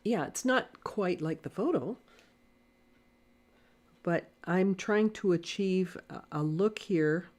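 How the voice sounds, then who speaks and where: Soft-spoken woman teaching watercolor. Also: on the low side, takes it slowly, long pauses. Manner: quiet, soft-spoken, thinking aloud while painting. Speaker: watercolor art instructor. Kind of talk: live painting lesson. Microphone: desk mic near camera.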